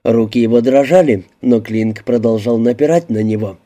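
A man narrating a crime novel in a measured, even storytelling voice. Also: mid-range voice. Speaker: audiobook narrator.

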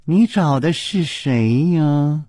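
A man's voice: on the high side, animated, slow pace, warm tone, breathy edge, no room sound, studio quality, exaggerated voice. A man voicing a witty, composed young swordsman, speaking in a light, wry, questioning tone. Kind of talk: traditional storytelling broadcast.

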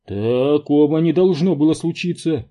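A man voicing a weary male driver who explains things flatly and bluntly. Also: mid-range voice, measured pace, slightly rough. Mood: grim.

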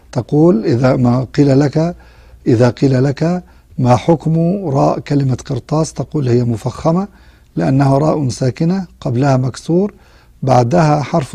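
A man teaching a Quran recitation lesson, explaining rules step by step and drawing out example words slowly. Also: a little high, creaky, warm tone, breathy edge, no echo. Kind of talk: tajweed lesson.

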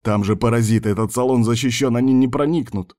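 A man's voice: mid-range voice, steady tone, fast, a little mellow, close to an everyday voice. A man voicing a blunt, grumbling soldier. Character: wary male soldier, blunt and practical.

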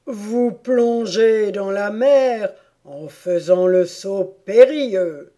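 A woman reading an audiobook voices a weepy, sentimental sea-turtle creature with a drawn-out, plaintive delivery. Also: mid-range voice, mellow. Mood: doleful.

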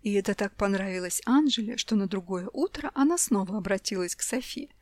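A woman narrating a story in an even audiobook style. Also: mid-range voice, brisk, no echo.

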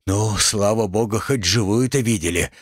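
A man's voice: on the low side, moderate pace, no room sound, clean studio sound, natural voice. A man voicing a timid, desperate young husband who pleads anxiously. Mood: pleading.

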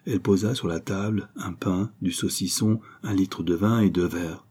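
A man narrating a novel in a steady, measured way. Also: sits low, slightly rough. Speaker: audiobook narrator. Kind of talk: reading a novel aloud.

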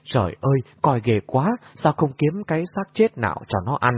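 A man voicing a gentle, kind-hearted young hero in an audiobook, speaking in a pleading way, recorded in a muffled lo-fi way. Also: mid-range voice, sing-song, moderate pace, slightly rough, dry recording.

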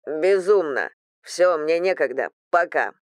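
A woman's voice: low-pitched, lively intonation, dry recording, clean studio sound. A woman reading an audiobook, voicing a domineering rich fiancé who speaks curtly and rudely. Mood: blunt. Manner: curt, rude, slow and heavy.

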